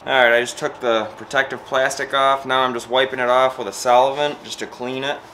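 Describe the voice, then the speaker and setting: A vlogger in his thirties runs through a trailer assembly step by step in his home garage workshop, keeping it casual. He talks a little fast in a mid-range, bright, forceful voice with flat delivery, and the garage recording is noisy.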